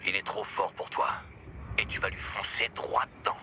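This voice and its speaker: An actor playing a gruff, weary, protective older resistance ally in a French video game dub, with a low gravelly voice. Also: male voice, fairly even intonation, moderate pace, bright, forceful tone, a little hiss or hum. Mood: worried, reproachful.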